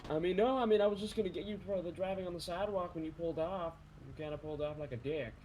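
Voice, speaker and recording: A man playing a police officer in an online role-play, exclaiming in shock at an injury and talking calmly to the hurt man. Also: high voice, rapid-fire, a little hiss or hum, poor audio. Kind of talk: casual role-play chat.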